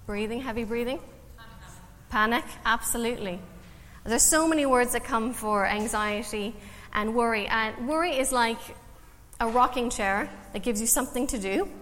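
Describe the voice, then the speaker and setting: A Canadian woman in her forties, a counselor appearing as a guest speaker, gives a relaxed, self-mocking talk at church that's packed with ums. Her voice sits slightly high and sounds a little bright, and her Canadian accent carries a faint Irish lilt. The recording picks up the echo of the church hall along with some quiet background noise.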